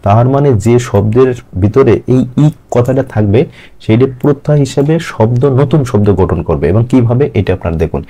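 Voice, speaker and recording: A man's voice: mid-range voice, expressive, moderate pace, dark tone. A man teaching a grammar lesson, asking his students questions and then answering them himself. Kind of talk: step-by-step lecture.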